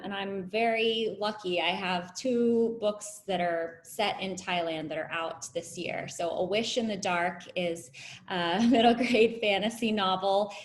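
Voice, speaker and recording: A woman author from the United States introducing her books on a panel, upbeat and quick to laugh. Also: medium pitch. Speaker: children's author. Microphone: video call. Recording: echoey room with faint noise.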